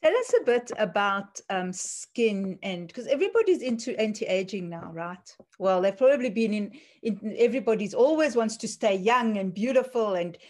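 A woman's voice: mid-range voice, lively intonation, moderate pace, hardly any pauses, a little mellow. A woman hosting a casual conversational interview. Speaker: podcast interviewer.

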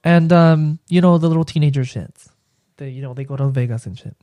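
Mexican-accented guy rambling on a podcast, kinda high voice, dry sound. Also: brisk, dark tone, dry recording. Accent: Mexican Spanish. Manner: rambling, hesitant storytelling with many restarts. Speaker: podcast guest. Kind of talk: casual chat.

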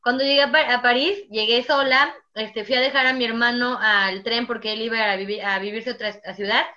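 A woman's voice: a little high, fairly even intonation, brisk, bright, forceful tone, dull audio. A young Mexican woman with a Mexican accent, hosting a casual chat and telling stories animatedly, acting out her own past words. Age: young adult.

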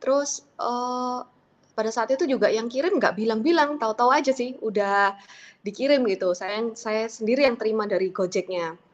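A woman earnestly recounting a personal story in casual speech, halting at times and livening up when she quotes what she said. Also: fairly high pitch, muffled recording. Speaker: interviewee telling a personal story.

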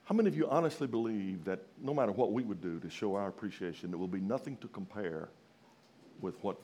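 A man from rural Louisiana with a Southern US accent, preaching a sermon in a folksy, emphatic way, putting questions to his listeners and moving between raised exclamations and hushed phrases. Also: fairly low pitch, fast talker, a little hiss or hum. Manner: folksy, rhetorical questions to the congregation.

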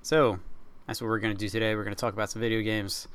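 A man's voice: fairly low pitch, quick pace, smooth. A man hosting a casual gaming podcast, introducing his co-hosts with jokes and many "um"s. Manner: relaxed, jokey introductions with many "um"s. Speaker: podcast host.

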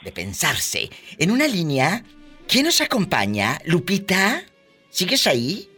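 A flamboyant Mexican man hosting a comedy radio-style podcast, teasing his callers and gossiping. His voice is bright and forceful and swoops widely in pitch. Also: wildly swooping pitch, slow, husky, soft background music.

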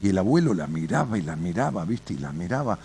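Man, Argentine accent, radio advice host, blunt and salty, very expressive pitch, faint background noise. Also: fast talker, gravelly. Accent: Argentine Spanish. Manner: blunt and colloquial, swears freely; animated storyteller, addresses listener directly. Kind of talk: advice talk with storytelling.

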